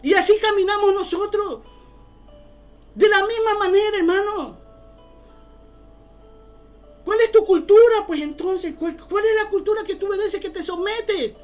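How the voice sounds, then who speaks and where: A woman's voice: extremely high pitch, unhurried, long pauses, a little mellow, soft background music. A woman preaching a fervent sermon, often calling her listeners brother.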